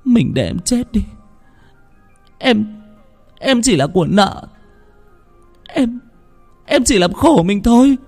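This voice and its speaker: Male narrator doing a terrified young wife, high and shrill, storybook reading. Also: sing-song, slow, long pauses, a little mellow, soft background music, exaggerated voice. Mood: despairing. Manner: high falsetto, shrill wailing. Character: young peasant wife, frightened and pleading.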